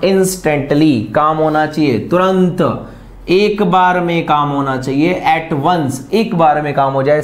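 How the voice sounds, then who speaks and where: A man's voice: a little high, reverberant. A man teaching an exam-prep vocabulary lesson, repeating each word and quizzing viewers with questions.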